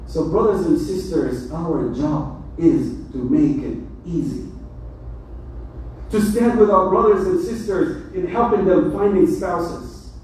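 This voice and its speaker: A man preaches to his mosque congregation, an imam with a lively, joking manner. His voice sits high. The sound comes from a distance in a very echoey hall. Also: takes it slowly, slight background noise. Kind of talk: mosque sermon. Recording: echoey hall, mic from far.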